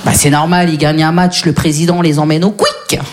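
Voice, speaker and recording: On a comedy stage before an audience, a woman performs a brash, slangy, self-mocking stand-up routine. Her voice is low, steady, and fairly quick, with background noise audible.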